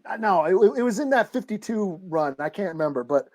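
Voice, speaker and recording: With a medium-pitched, animated and brisk voice, this podcast co-host talks comic books in a casual back-and-forth of chat and debate. The language is slangy and informal, and there's a lot of cursing.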